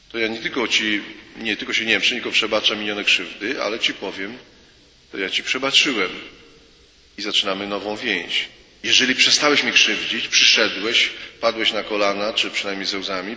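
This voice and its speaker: Forceful low-voiced man preaching in echo. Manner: emphatic, repeats key phrases, acts out quoted dialogue. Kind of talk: sermon. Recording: roomy with long reverb.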